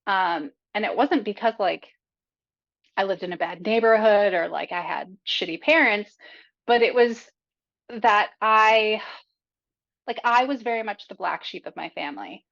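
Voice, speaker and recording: On a podcast, a young woman speaks as a guest in loose, open interview talk, swearing freely, chatting away and leaning heavily on fillers while being frank about her own life. She has a gravelly, somewhat bright mid-range voice and an unhurried pace; the audio is dull and lo-fi.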